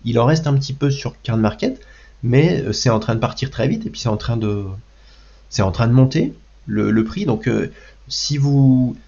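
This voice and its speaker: A man's voice: medium pitch, moderate pace, creaky, warm tone, slightly rough, dull audio. A man with a cold hosting a card game video in casual commentary, hesitant with many restarts and fillers. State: has a cold.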